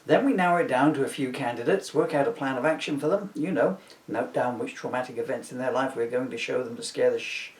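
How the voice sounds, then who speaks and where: A man's voice: mid-range voice, fast, lightly acted. A man voicing a sardonic, henpecked, foul-mouthed Christmas ghost in a comic audiobook, rambling and complaining in mock-archaic words. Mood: matter-of-fact, gleeful. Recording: roomy, echoey, distant microphone.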